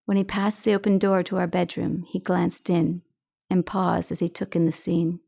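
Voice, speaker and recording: Gravelly woman reading her memoir. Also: on the low side, flat delivery, moderate pace, dark tone. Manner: intimate, reflective first-person storytelling. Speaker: author narrating her memoir. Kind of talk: audiobook narration.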